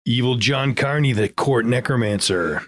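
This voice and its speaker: A man's voice: medium pitch, normal speed. A male podcast host reading a list of patron names and titles in a playful, announcing way. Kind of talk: reading patron shout-outs.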